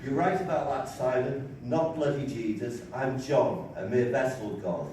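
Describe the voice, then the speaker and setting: In a large, echoey room with the mic set at a distance, a man with a medium-pitched, warm, natural voice reads at normal speed. He plays a deluded, cheerful psychiatric patient in a stage play who believes he speaks for God, sounding earnest, chatty and pompous. The recording is very echoey, distant and noisy.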